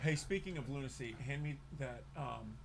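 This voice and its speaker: A man's voice: medium pitch, lively intonation, normal speed, creaky, slight background noise. A man co-hosting a podcast in casual chat, throwing in dry, teasing wisecracks. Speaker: podcast co-host.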